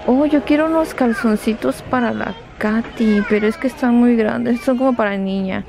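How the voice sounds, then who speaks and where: Filming herself on a handheld camera inside a large store, a young female vlogger chats casually with her viewers and her children while shopping. Her voice is fairly high and creaky, at a normal speed. Music and noise from the store fill the background.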